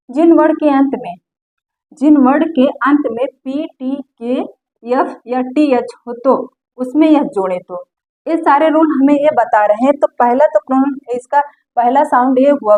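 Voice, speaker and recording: High-voiced woman teaching step by step. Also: darkish tone, low-quality recording. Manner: patient, repeats examples slowly and step by step. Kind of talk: classroom lesson explanation.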